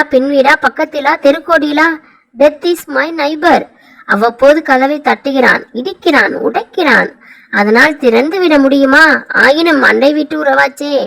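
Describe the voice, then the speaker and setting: Female narrator, high voice with gravelly fry, slow reflective literary reading. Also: fairly bright tone, poor audio. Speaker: reader of a literary essay. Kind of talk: audiobook reading of Tamil prose.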